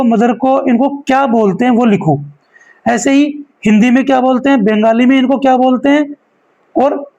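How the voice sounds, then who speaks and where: A man with a strikingly high voice teaches a school lesson. He works through it step by step and keeps checking that his students are following along. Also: a little mellow, highs cut off. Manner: explains step by step, often checks in with "okay?".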